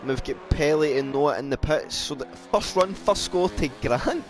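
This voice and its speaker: A man with a South African accent commentating an online racing league, calling out lap times in a brisk, chatty way. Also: fairly high pitch, lively intonation, noisy background. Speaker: race commentator.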